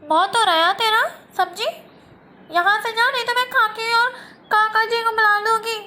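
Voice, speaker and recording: A woman's voice: very high-pitched, steady tone, normal speed, sharp tone, slight background noise. A woman acting a snooty, quarrelsome young sister who taunts and dismisses her rival in a homemade comic family sketch. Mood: scornful.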